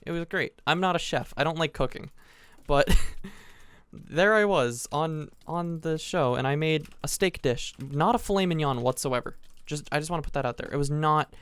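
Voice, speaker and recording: A man's voice: on the high side, normal speed, a bit bright, clear, resonant tone, no echo. Teen male gaming commentator, casual rambling storyteller, clean dry desk-mic sound. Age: teens. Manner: rambling, self-interrupting, frequent restarts. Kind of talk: casual storytelling over gameplay.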